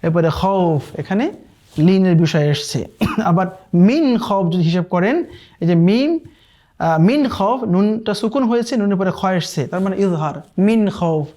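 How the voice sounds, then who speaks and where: A man teaching a tajweed lesson, explaining quickly and often checking in with his listeners. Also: high voice, lively intonation, mellow. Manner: explains quickly, then recites verses slowly and drawn out. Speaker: Quran recitation teacher.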